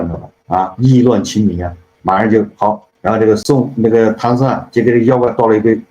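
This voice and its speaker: A man's voice: on the low side, dark tone, slight background noise. Chatty man retelling a classic tale. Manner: chatty, keeps asking "you know?". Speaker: storyteller host. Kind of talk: casual story retelling. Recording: roomy, dull lo-fi sound.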